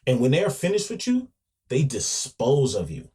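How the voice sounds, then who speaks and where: A man speaking as a podcast host, talking off the cuff at an ordinary pitch for a man. He speaks emphatically, circling back over his words, and his volume keeps rising and falling. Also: huge pitch swings, moderate pace. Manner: emphatic, with frequent restarts and repeats; swings between loud and quiet. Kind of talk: casual monologue.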